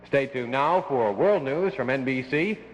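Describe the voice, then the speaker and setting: A man's voice: mid-range voice, lively intonation, a little slow, dull audio. An American man reading a scripted 1960s local radio news bulletin. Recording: reverberant vintage radio broadcast.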